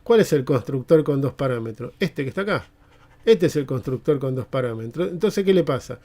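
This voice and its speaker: A man's voice: mid-range voice, expressive, a little fast, warm tone. A man teaching a live online programming class, explaining step by step and checking in with tags like "eh?" and "mm?". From Argentina.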